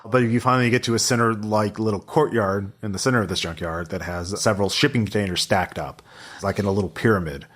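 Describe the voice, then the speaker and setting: Male game master, lowish voice, improvising scene descriptions conversationally with halting repeats. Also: steady tone, fairly bright tone. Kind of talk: improvised narration of a tabletop role-playing game.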